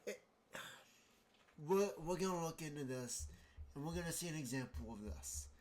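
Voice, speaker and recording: Rambling exasperated man, higher voice. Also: lively intonation, normal speed, a little mellow, a little hiss or hum. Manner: rambling, self-interrupting, exasperated. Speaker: podcast host. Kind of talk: casual monologue reading from a screen.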